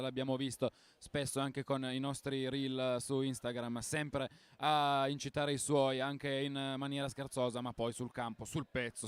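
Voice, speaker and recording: A man's voice: mid-range voice, clear, resonant tone. A male co-commentator giving enthusiastic live commentary on a football final. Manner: enthusiastic, fluent praise.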